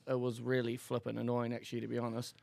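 A man from Auckland with a New Zealand accent is a podcast guest, telling candid personal stories in a giggly, rambling, slangy way. His medium-pitched voice is fast, a little mellow, and completely flat, with vocal fry.

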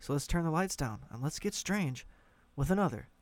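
A man's voice: on the high side, animated, moderate pace, no room sound. A man hosting a horror story podcast, delivering scripted introductions and narration. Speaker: podcast host.

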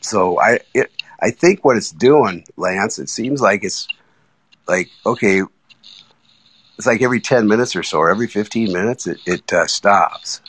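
Calling in by iPhone to a casual chat on a live audio app, a man speaks enthusiastically in fits and starts, restarting as he goes. His lowish voice is husky and a bit bright, and the recording is dry.

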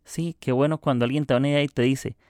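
A man's voice: medium pitch, steady tone, quick pace, darkish tone, no echo, studio quality. A man preaching a casual devotional talk, conversational and playful, acting out bits of dialogue as he goes. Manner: conversational, acts out dialogue in quotes; playful, jokes about church habits.

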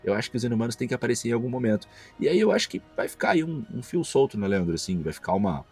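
A man's voice: mid-range voice, big pitch swings, rapid-fire, a little mellow, slightly rough, faint music behind. A Brazilian man co-hosting a casual pop-culture podcast, thinking aloud and often checking in with his co-host.

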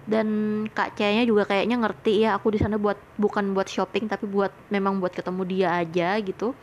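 This young podcast host talks briskly at a medium pitch with little variation, over slight background noise. Her personal story comes out chatty and full of fillers and recounted conversations, and she sounds earnest and grateful.

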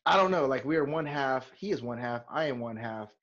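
A man co-hosting a casual podcast, talking in laid-back slang that trails into a low mumble. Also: animated, fairly quick, fairly bright tone, dull audio. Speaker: podcast co-host. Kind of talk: casual chat.

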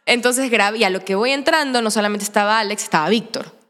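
A woman's voice: mid-range voice, fast talker, fairly bright tone, big-room sound. A young woman with an Ecuadorian accent who tells a story casually and acts out her own reactions in squealing voices. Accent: Ecuadorian Spanish. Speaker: guest.

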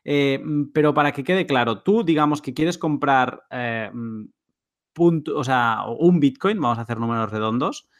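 A man's voice: medium pitch, moderate pace, no echo, studio quality. A man hosting a casual talk, summing up points for listeners in a conversational way. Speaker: host.

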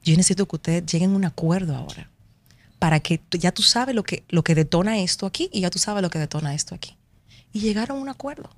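A middle-aged woman with a Dominican accent, a broadcaster speaking as a guest and telling animated stories about raising her daughters, acting out what each person said. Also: fairly low pitch, fast talker, no room sound. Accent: Dominican Spanish. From Dominican Republic. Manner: animated storytelling, acts out quotes. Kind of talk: conversational interview.

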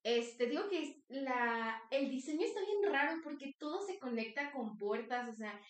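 A young Mexican woman with a high voice tells a story animatedly on a casual podcast. She acts out the voices as she goes. The sound is roomy and picked up from a distance. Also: expressive, normal speed. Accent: Mexican Spanish. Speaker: podcast co-host.

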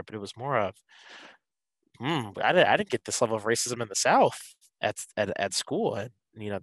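A young man from Atlanta speaks on a student panel, low-pitched and animated. He tells his story with quoted asides, and the recording is dry with no room sound. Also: dry recording, poor audio. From Atlanta, Georgia, USA. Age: young adult. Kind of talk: casual panel discussion.

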